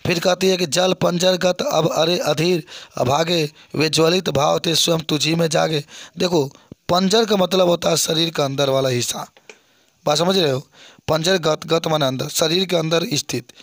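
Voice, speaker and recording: A man's voice: a little high, moderate pace, fairly bright tone, no room sound, clean studio sound. A man teaching a Hindi poem line by line, reading each verse and then explaining it, repeating key phrases and checking whether his students are following. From India.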